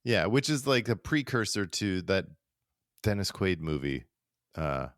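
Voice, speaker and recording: Co-hosting a casual podcast, a man chats about the past in an easygoing, agreeable way, chuckling along. His low voice is very animated, slightly slow and a bit bright, captured in studio quality with no room sound.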